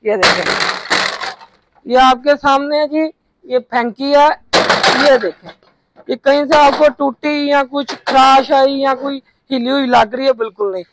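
A young man from Pakistan hosting a market tour vlog with a brisk, upbeat presenter manner, recorded outdoors in a warehouse yard on a lapel mic. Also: very high voice, noisy background. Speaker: vlogger host. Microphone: clip-on lapel mic.

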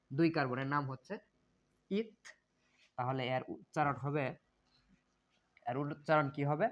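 Male chemistry tutor, slightly high voice, repetitive question-and-answer delivery. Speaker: chemistry teacher. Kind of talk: classroom lecture.

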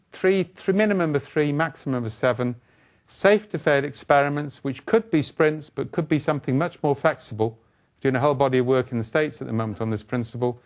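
An older man gives a keynote lecture on a conference stage, speaking into a lapel mic. He talks in a brisk, wry and blunt way, scattering asides and rhetorical questions through his points. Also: fairly high pitch.

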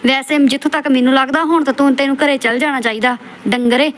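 A woman's voice: high-pitched, steady tone, fast, a little hiss or hum. A woman hosting a roast, scolding and insulting the subject of a clip in a lecturing, scornful way. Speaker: roast channel host. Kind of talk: scolding roast commentary over clips.

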